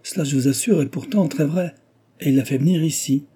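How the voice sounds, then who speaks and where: A giddy, mocking young noblewoman, as a male reader puts her on, chattering with exclamations and lifting into a higher, brighter register. Her voice stays husky and somewhat dark underneath, the tone of one storyteller doing every part. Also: brisk. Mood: gleeful gossip. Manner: lively, teasing, exclamatory. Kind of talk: audiobook reading of a classic novel.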